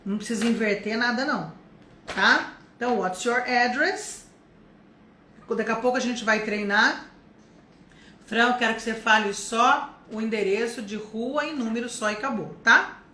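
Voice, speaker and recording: A Brazilian woman teaching English to adults in a live online lesson, chatty and explaining step by step, saying the English phrases slowly. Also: on the high side, pushed and bright. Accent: Brazilian Portuguese. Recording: echoey room with faint noise.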